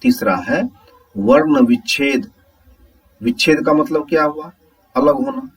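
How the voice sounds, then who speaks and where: A man teaching a Hindi grammar lesson, explaining slowly step by step and asking the viewers whether it is clear. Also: on the high side, huge pitch swings, far from the mic, low-quality recording.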